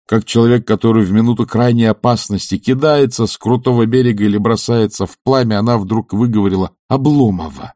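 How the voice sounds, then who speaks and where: A man narrating a classic novel as an audiobook in a measured, expressive reading. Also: on the low side, no echo, studio quality.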